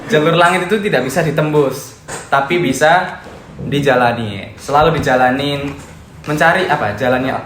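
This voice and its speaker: A man's voice: on the high side, normal speed, a bit bright. A teenage boy co-hosting a student podcast in casual chat, joking and laughing easily. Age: teens. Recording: roomy echo with clear background noise.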